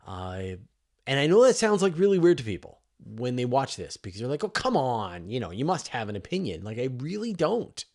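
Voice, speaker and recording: Medium-pitched and a little fast, with a sing-song lilt and a darkish tone, a man hosts a live science question show as a journalist. He reads viewer questions and answers off the cuff, casual and emphatic, often rephrasing mid-thought.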